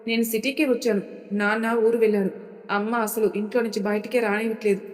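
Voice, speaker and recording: A woman's voice: mid-range voice, steady tone, quick pace, natural voice. A woman voicing a young female cousin who pleads urgently on the phone. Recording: reverberant room.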